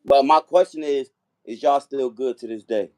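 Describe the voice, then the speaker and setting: A man hosting a podcast interview, asking halting questions full of fillers. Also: medium pitch, darkish tone. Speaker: podcast host.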